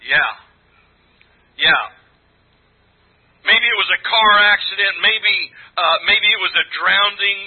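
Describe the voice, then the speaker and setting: Husky, high-pitched preacher in his sixties. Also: slow, long pauses. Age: 60s. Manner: earnest, emphatic, exhorting with repeated phrases. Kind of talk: sermon to a church congregation. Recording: thin, phone-like band-limited sound.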